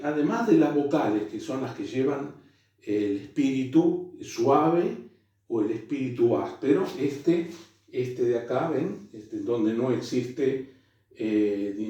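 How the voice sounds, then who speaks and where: A man's voice: medium pitch, warm tone. A man teaching a Greek class in a hesitant way, full of fillers and restarts. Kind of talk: classroom lecture. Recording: echoey room, voice far from mic.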